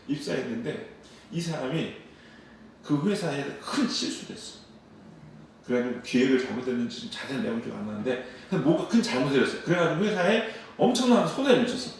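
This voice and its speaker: A man's voice: medium pitch, lively intonation, fairly quick, vocal fry, recorded from a distance, a little hiss or hum. A man preaching a sermon as pastor, acting out quoted dialogue and asking the congregation questions. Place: church sanctuary at a dawn service. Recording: echoey church sound from away from the mic.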